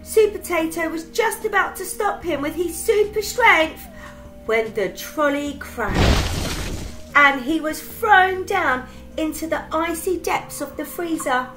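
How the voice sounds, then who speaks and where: A woman reading a children's picture book aloud in an expressive, dramatic storytelling manner. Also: very high voice, takes it slowly, music in the background, rough recording.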